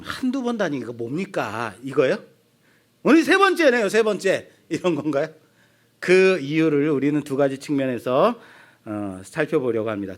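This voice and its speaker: A middle-aged male pastor with a Seoul accent delivers an expository sermon. He talks in a high voice that swings widely in pitch. He keeps putting questions to the congregation and acts out the voices of the people he quotes. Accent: Seoul Korean. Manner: asks the congregation questions and answers them.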